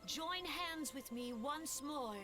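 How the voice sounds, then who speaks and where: A woman voicing a solemn elder leader giving a formal memorial speech in a game cutscene, measured and grand. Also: sits high, animated, music in the background.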